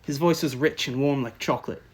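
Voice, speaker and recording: A man reading an audiobook in a steady, measured way, as narrator. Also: mid-range voice, breathy edge. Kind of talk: scripted narration.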